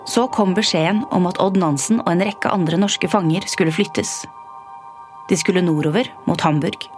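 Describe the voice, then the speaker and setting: A woman narrating a scripted history story in a calm, even way. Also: fairly low pitch. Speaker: podcast narrator. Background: faint music.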